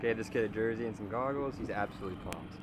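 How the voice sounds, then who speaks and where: A man's voice: fairly low pitch, fast talker, over a noisy crowd. A young man vlogging to a handheld camera in outdoor race pits, casual and slangy, weak and hurting. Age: young adult. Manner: casual, slangy, dejected after a crash. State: in pain and weak. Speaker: motocross racer and vlogger. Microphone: handheld camera at arm's length.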